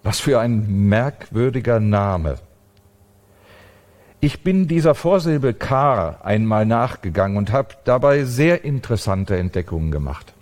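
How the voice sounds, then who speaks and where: A man's voice: lowish voice, animated, unhurried, a little mellow. A man preaching an emphatic sermon at a church service.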